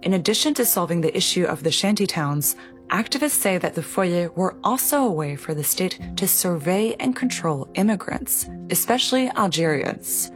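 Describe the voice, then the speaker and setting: A woman's voice: on the low side, expressive, moderate pace, faint music behind. A woman reading scripted documentary narration.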